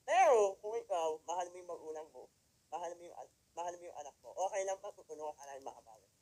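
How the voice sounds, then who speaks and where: A man from the Philippines giving an emotional personal testimony to a live audience, firing rhetorical questions at the crowd and swinging between loud emphatic lines and hushed ones. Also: a little high, expressive, very fast, low-quality recording. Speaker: motivational speaker at a company event.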